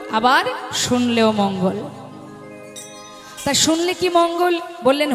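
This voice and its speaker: Woman kirtan preacher, high voice, sermon over a stage mic with soft music in a roomy hall. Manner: addresses listeners as mother, asks them questions. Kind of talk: devotional sermon to a live audience.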